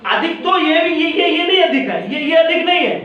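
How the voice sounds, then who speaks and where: A man's voice: extremely high pitch, lively intonation, normal speed. A male science teacher in a classroom, quizzing and scolding pupils, repeating his questions. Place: school classroom. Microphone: far from the mic. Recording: echoey classroom, far off, dull.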